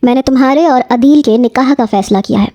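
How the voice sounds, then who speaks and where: A woman's voice: sits high, dark tone. A woman voicing a stern, domineering old grandfather who speaks curtly and gives commands. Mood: threatening. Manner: curt, commanding, threatening.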